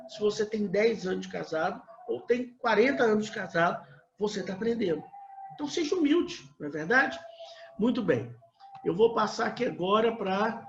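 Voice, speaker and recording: A man's voice: high-pitched, echoey room, highs cut off, slight background noise. A man from Minas Gerais, Brazil, a pastor teaching a couples class in a conversational way, full of filler tags and restarts. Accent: Brazilian Portuguese, Minas Gerais.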